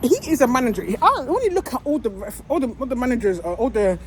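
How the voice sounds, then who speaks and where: A woman delivers an angry fan rant, cursing and repeating herself as she builds her case. Her pitch swings widely from low grumbles to sharp peaks, over a faint hum of background noise. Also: big pitch swings, fast talker. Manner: heated, swearing, repeats herself. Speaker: football fan.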